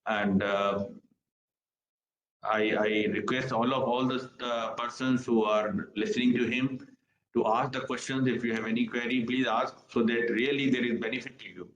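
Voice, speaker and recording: Dept head guy giving a halting welcome, echoey room, dull muffled sound, bit of hum. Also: mid-range voice, fairly even intonation, a bit bright. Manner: halting, many fillers. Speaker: head of department. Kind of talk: formal welcome speech. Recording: dull echoey online call.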